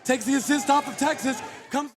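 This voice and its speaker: High, hoarse male derby commentator. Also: brisk, music in the background. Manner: excitable, voice cracking up high when thrilled. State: voice worn out, going hoarse. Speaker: roller derby play-by-play commentator. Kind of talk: live sports commentary. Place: roller derby arena, crowd around. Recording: live arena with clear crowd noise. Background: crowd noise.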